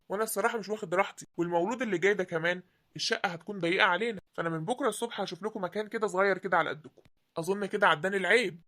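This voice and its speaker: A woman voicing a scheming, greedy young man with an Egyptian accent, curt and commanding, in an animated drama. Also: medium pitch, close to an everyday voice.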